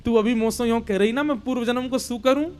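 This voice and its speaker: A man's voice: very high voice, steady tone, fast talker, clean tone, faint music behind. A male preacher voicing the child Krishna, a mischievous three-year-old who complains in a sobbing, childlike way. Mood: earnest. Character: little boy Krishna, three and a half, mischievous.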